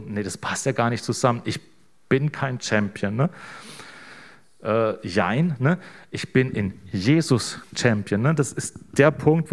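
A man delivers a sermon in a relaxed, chatty manner, often pausing to check in with his listeners. His voice sits at an ordinary middle pitch, and he speaks like a pastor talking plainly to his congregation. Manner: casual, tags sentences with "ne?". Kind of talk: informal sermon.

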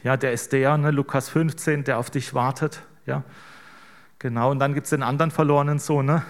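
A middle-aged man delivers a chatty, informal sermon at medium pitch, a little fast and with fairly even intonation. He keeps drawing in the congregation by tacking a questioning "ne?" onto his phrases.

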